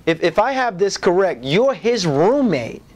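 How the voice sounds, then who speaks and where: A man's voice: sits high, big pitch swings, measured pace, darkish tone, full character voice. A man playing a formal, persistent TV interviewer in a comedy sketch. He keeps repeating and restarting his questions. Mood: earnest. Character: stiff, persistent male TV interviewer.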